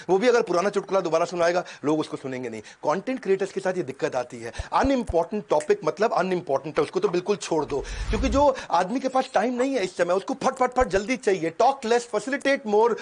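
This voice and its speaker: A man giving an energetic motivational talk, loud bursts and sudden quiet drops. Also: high voice. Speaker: motivational speaker.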